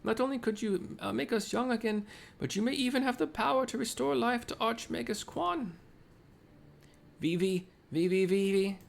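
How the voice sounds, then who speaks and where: Man putting on high, urgent, excitable game character. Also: moderate pace, creaky. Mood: pleading. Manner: urgent, dramatic, high-pitched. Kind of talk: game dialogue read aloud.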